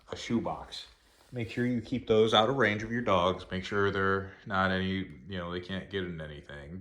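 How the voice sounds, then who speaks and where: A man's voice: low-pitched, a bit bright. A man casually explaining to the camera how to handle a dog that misbehaved, rambling with restarts. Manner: baby talk to his dogs. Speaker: dog owner vlogger.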